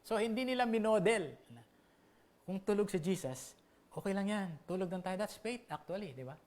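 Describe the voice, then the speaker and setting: High-voiced Filipino pastor preaching. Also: male voice, a little mellow. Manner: conversational, checks in with the listeners often; slows down to read scripture aloud. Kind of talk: sermon mixing Tagalog and English.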